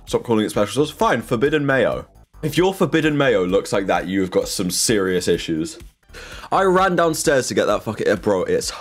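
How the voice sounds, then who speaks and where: A young man chatting casually on a live stream, swearing freely and exclaiming. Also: on the low side. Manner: animated, swears a lot, exclaims.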